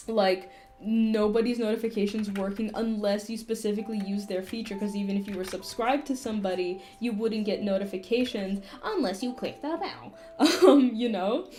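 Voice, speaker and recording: A woman's voice: medium pitch, darkish tone. Giggly rambling young woman streamer. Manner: rambling, giggly, swearing casually. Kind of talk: casual chat while drawing on stream.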